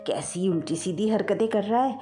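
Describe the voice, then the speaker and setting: A woman's voice: mid-range voice, animated, dark tone, close to an everyday voice. A woman voicing a worried mother scolding her son in a comic audio story. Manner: scolding, fretful.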